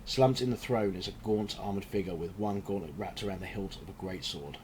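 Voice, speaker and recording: A man acting as game master, narrating a tabletop game with a mix of halting improvisation and read-out description. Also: low voice, darkish tone. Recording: faint background noise.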